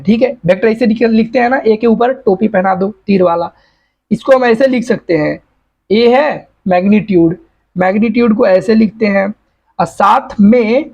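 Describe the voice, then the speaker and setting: A man's voice: high voice, vocal fry, a little mellow, dull audio. A man teaching a physics lecture for exam prep, explaining step by step with everyday examples and often checking that students follow. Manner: uses plain everyday examples.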